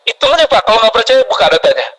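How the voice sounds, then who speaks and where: A man preaching a sermon to a congregation, lively and often putting questions to the audience. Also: extremely high pitch, very fast, poor audio. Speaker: Islamic preacher.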